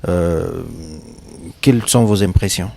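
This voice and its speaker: A man with a Congolese French accent hosting a TV interview, asking questions in a lively way and switching between French and Lingala. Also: low-pitched, slow pace, creaky. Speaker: TV journalist, host. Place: TV studio.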